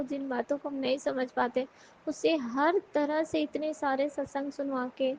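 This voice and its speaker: A woman speaks in a high, narrow-ranged voice, sharing an earnest devotional testimony. She keeps turning to address her listeners directly. The recording is dull and lo-fi, with a faint hiss underneath. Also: a little mellow.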